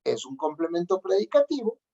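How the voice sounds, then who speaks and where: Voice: mid-range voice, very animated, fairly quick, dark tone. A teacher giving a grammar lesson, repeating key points and checking in with the students. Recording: dull lo-fi recording.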